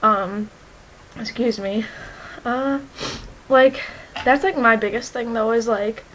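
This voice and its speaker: A woman's voice: on the high side, slow, a bit bright, a little hiss or hum, low-quality recording. Earnest young woman, reflective vlog. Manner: reflective, earnest, many fillers like "like" and "um". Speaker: vlogger. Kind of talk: candid personal vlog.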